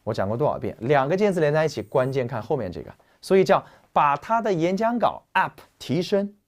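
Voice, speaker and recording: Joking, lively man teaching vocabulary. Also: on the high side, brisk. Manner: lively, joking, slangy explaining. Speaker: English teacher. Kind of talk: classroom vocabulary lecture.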